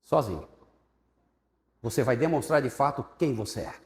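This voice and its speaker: A man with a Brazilian Portuguese accent teaching Sunday school, telling his testimony as an animated storyteller who acts out the voices of people in it. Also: medium pitch, moderate pace. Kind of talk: sermon-style personal testimony. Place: church hall. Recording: echoey church hall with long reverb.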